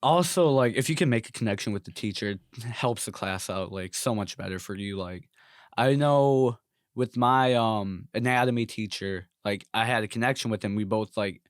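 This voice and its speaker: Laid-back young man, low voice. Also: fairly quick, few pauses, dry recording, clean studio sound. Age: young adult. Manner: laid-back, filler-heavy. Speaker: podcast guest. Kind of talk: casual chat.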